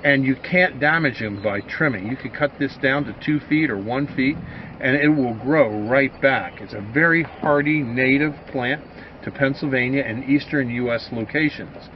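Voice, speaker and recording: A man's voice: medium pitch, normal speed, highs cut off, slight background noise. A man steadily describing a hedge and inviting customers, in a casual promotional way. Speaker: farm grower.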